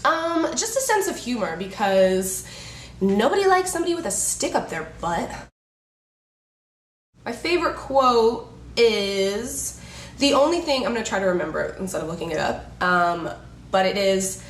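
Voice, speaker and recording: A woman's voice: mid-range voice, animated, normal speed, a little hiss or hum. Chatty young woman in an echoey room. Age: 20s. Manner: chatty, jokey, laughs often. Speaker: beauty vlogger. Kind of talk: casual chat to camera. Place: indoors, a room in Los Angeles.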